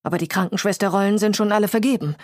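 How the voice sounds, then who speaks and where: A woman's voice: mid-range voice, racing, a little mellow, no room sound, close to an everyday voice. Lady reading nervous stammering tv guy, middle-aged, hesitant, dry close sound. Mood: flustered. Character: flustered middle-aged male TV producer, stammering.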